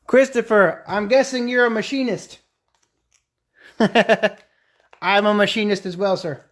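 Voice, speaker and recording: A man's voice: high-pitched, fairly even intonation, slow pace. A man chatting casually on a live stream as he turns a pen and answers viewer comments. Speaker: woodturner streaming a pen turning.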